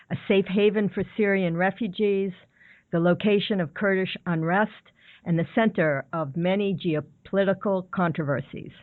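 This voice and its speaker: A woman hosting a podcast, reading a clear scripted introduction and asking questions. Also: mid-range voice, dry recording. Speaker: podcast host. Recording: dry, phone-like sound.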